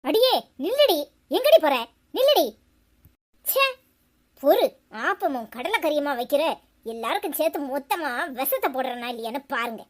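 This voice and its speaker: Woman doing a shrill scolding cartoon mother. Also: animated, moderate pace. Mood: furious. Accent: Tirunelveli Tamil. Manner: harsh, scolding. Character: sharp-tongued older mother, scolding and bitter.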